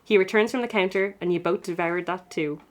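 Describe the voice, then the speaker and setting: A woman's voice: lowish voice, steady tone, fairly quick. A young woman co-hosting a podcast, reading her teenage fanfic aloud with frequent giggles and self-mocking asides. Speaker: guest co-host reading her old fanfic.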